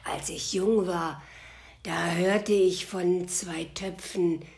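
An old man recalls a half-forgotten legend in hushed, whispered role-play, as a woman storyteller puts him on. The whisper moves slowly and sits low. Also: fairly even intonation, gravelly.

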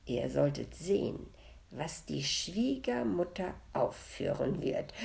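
A woman's voice: sits low, vocal fry, a little mellow, full character voice. A woman voicing the ghost of a young girl, whiny, touchy and plaintive, in a read-aloud story.

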